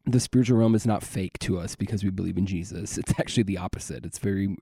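Low-voiced earnest man rambling. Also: quick pace, gravelly, warm tone, husky, no room sound, clean studio sound. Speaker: podcast co-host. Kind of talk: casual faith podcast chat.

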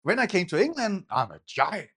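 A man from Denmark preaches an informal sermon with a high voice. He talks conversationally, restarting and repeating words. He rises into emphatic bursts when he presses a point. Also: pushed and bright, husky.

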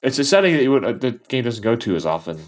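A man's voice: mid-range voice, very animated, rapid-fire. A man co-hosting a podcast, adding short comments in casual chat. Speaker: podcast co-host.

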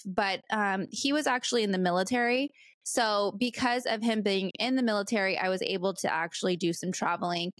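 A woman from California hosting a podcast, telling stories in a relaxed chatty way with lots of "like" and laughs. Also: medium pitch, no room sound, studio quality. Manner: chatty, many "like" fillers, laughs between lines. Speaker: podcast host. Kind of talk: casual storytelling chat.

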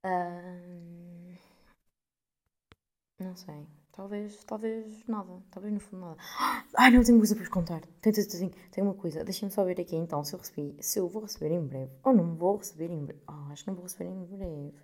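A woman of twenty-one with a European Portuguese accent, telling a story to her podcast listeners in a casual, animated way, swearing freely and acting out the people she quotes. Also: on the low side, moderate pace. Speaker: podcast host.

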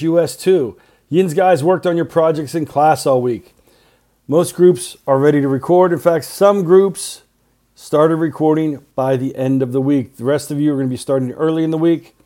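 A middle-aged male teacher records class announcements for his students' podcast in clipped, short phrases with earnest reminders. His voice sits on the high side with a dark tone.

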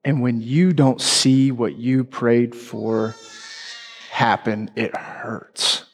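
A man's voice: medium pitch, fairly even intonation, very slow. A man preaching a sermon, telling a personal story candidly and emotionally.

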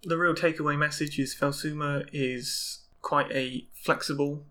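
A man's voice: a little high, fairly even intonation, a little slow, sharp tone. A man co-hosting a podcast in casual chat, jokey and chatty, often laughing. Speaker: podcast co-host.

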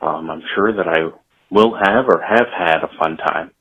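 A man's voice: sits low, moderate pace, fairly bright tone, breathy edge. A man leaving a casual, chatty voicemail over a phone line, losing his thread as he talks. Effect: voicemail played over a phone line. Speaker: voicemail caller.

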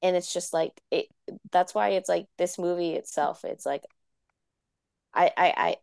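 A woman co-hosting a movie podcast in casual chat, animated and full of fillers, sometimes humming tunes. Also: fairly low pitch, unhurried, creaky, no echo, studio quality. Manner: animated, filler-heavy, hums melodies. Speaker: podcast co-host.

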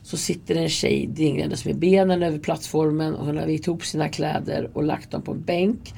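A woman's voice: low-pitched, steady tone, creaky, dark tone, a little hiss or hum. A woman, a guest in an interview, telling stories in a candid, earnest way and acting out quoted dialogue. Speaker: interview guest, subway security worker. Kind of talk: casual conversational storytelling.

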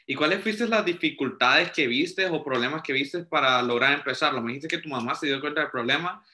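A man's voice: a little high, brisk, pushed and bright. A man hosting an interview show, introducing his guest and asking open questions in a conversational way. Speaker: podcast host.

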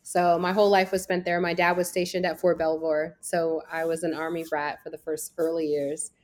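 A woman from Virginia in the USA who founded a travel business chats as an interview guest, telling stories casually and dropping "like" as filler a lot. She has a fairly low, level voice and keeps a moderate pace.

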